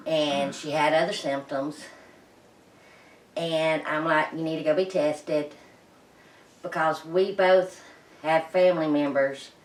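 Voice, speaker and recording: A middle-aged woman chats casually and haltingly for a vlog, folksy, her voice muffled through a face mask and short of breath. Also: low-pitched. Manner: folksy, plain-spoken, halting. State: out of breath, pausing. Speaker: vlog host. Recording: roomy echo, distant microphone.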